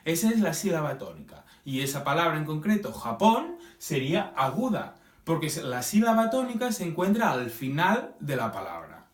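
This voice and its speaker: Animated male teacher, wide swings in pitch, recorded a distance in a roomy space. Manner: lively, drawn-out examples, checking in with "¿sí?". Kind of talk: explaining a grammar lesson. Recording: echoey room from a distance.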